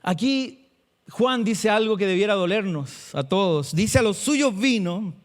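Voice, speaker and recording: A male pastor preaching a sermon, asking the congregation questions and slowing down to stress key words. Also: high-pitched, expressive.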